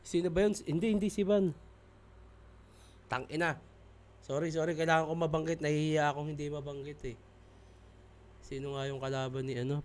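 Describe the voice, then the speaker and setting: A man hosting a rap battle reaction video with casual commentary, excitable, swearing often and apologizing a lot. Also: mid-range voice, clean tone.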